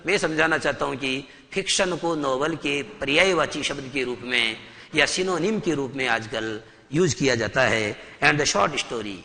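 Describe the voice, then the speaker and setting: A male teacher gives a classroom lecture, slowly reading out English definitions and then quizzing his students with questions. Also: medium pitch, creaky, pushed and bright, long reverb tail. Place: satellite classroom studio.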